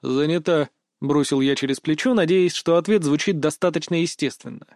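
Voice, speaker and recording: A man narrating a first-person fantasy story in a steady, even storytelling read. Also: fairly high pitch, brisk, no echo, clean studio sound. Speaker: audiobook narrator.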